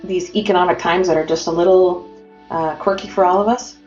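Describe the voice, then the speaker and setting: Her voice is lowish and a little mellow, fairly quick, with mostly even intonation. She's an American woman from a printing company, a guest on a remote business interview, sounding promotional and upbeat with frequent fillers. The recording feels roomy and dull, with faint music.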